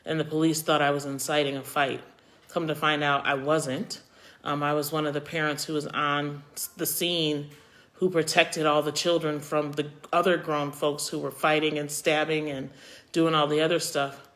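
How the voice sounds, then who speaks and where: A woman's voice: deep voice, flat delivery, moderate pace, fairly bright tone. A middle-aged woman hosts a casual live chat, talking straight to her viewers. She speaks her mind bluntly and turns tender and emotional, getting choked up as she talks. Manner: opinionated, reacting to viewer comments. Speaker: host of a live chat show.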